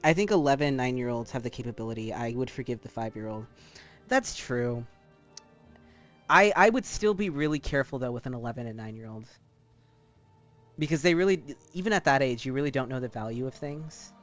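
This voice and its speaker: Animated man chatting casually on a livestream. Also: mid-range voice, fairly quick, soft background music. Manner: animated, sweary, rambling, breaking into laughter. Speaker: streamer drawing art live. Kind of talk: casual livestream chat while drawing.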